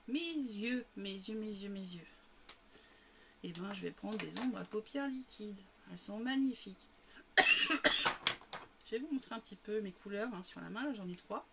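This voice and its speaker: This makeup livestreamer has a gravelly, mid-range voice, and there's noise in the background. She's at home recovering from being sick, so a cough keeps interrupting her. She chats with her viewers, whom she calls girls, and demonstrates her routine one step at a time.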